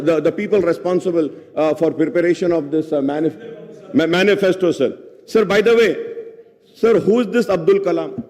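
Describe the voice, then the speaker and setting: A man giving a speech in a legislative assembly, switching between Hindi and English, addressing the chair as sir, reading out figures and pressing his point. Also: high voice. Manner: reads out figures, then turns argumentative. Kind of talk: parliamentary speech. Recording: long reverb of an assembly hall.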